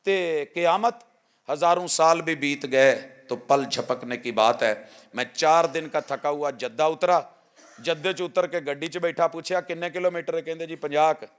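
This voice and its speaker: A man with a Punjabi accent preaching a sermon, telling stories and moving between loud exhortation and soft, hushed passages. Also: a little high, unhurried, smooth.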